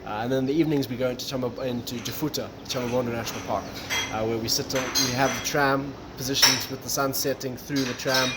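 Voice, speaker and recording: A man's voice: medium pitch, quick pace, few pauses. Man talking over coffee shop noise. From Malawi. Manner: relaxed, with many "um" and "look". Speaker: guest, tourism business owner. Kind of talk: casual interview talk. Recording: noisy coffee shop background.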